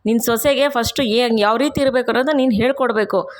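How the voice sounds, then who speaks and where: A firm older grandmother and family matriarch, admonishing a headstrong bride, as a woman storyteller voices her. Slightly raised and measured. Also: on the high side, lightly acted. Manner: admonishing, soothing.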